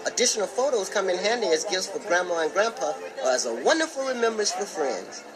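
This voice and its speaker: A woman's voice: mid-range voice, very animated, fast, a crowd in the background, natural voice. An actress playing a mall photo saleswoman in film dialogue, with gushing sales patter. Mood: gushing, salesy.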